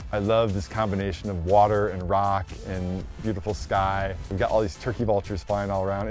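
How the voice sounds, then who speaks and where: Casting: male climbing guide, lowish voice, casual and encouraging instruction, recorded outdoors over a music bed. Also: darkish tone. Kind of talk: casual interview talk and on-location instruction. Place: outdoors on wooded trail and cliffs.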